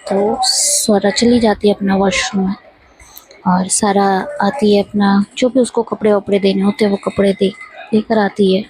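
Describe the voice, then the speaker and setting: A woman casually retelling a love story in a chatty way, with fillers and quick self-corrections of names, sometimes dropping to a hushed near-whisper. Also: medium pitch, flat delivery, a little hiss or hum, rough recording.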